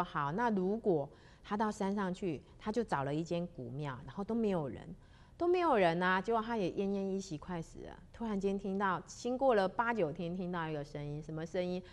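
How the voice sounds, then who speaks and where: Storyteller: woman, conversational folk-tale telling, chatty with drawn-out particles. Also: mid-range voice, expressive. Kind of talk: spoken storytelling of a religious legend.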